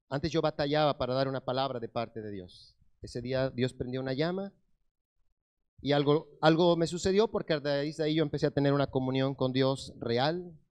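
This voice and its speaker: A middle-aged male pastor giving a sermon testimony, telling his story in a lively way that swings from loud bursts to hushed tones. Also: medium pitch.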